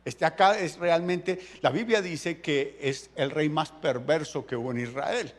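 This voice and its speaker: A pastor, preaching a sermon in a colloquial, jokey storytelling way. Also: male voice, fairly high pitch, unhurried.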